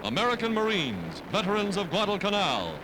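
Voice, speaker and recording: A man's voice: sits high, wildly swooping pitch, fairly quick, heavy background noise. A man narrating an old wartime newsreel in an emphatic, declamatory way. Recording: archival film soundtrack with loud music behind.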